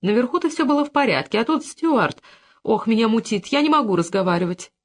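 A reader doing a sharp-tongued seasick young wife. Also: mid-range voice, animated, a little fast, pitched above the performer's own voice, lightly acted. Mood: queasy whining.

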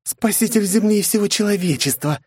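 For an audiobook, a man voices a haughty, possessive young princess, raising his voice above its natural pitch into a high, darkish register at normal speed. Furious and threatening, she snaps, scolds and menaces. The recording is studio quality with no echo.

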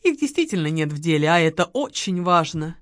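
A woman voicing a shrewd, calm male investigator who questions firmly and patiently. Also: lowish voice, fairly quick, no echo, studio quality. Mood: calm questioning.

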